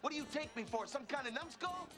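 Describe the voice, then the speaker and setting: An actor playing a bossy, exasperated police lieutenant in broad children's TV comedy, scolding with sarcasm. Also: male voice, very high-pitched, animated, fast. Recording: loud music under TV show audio.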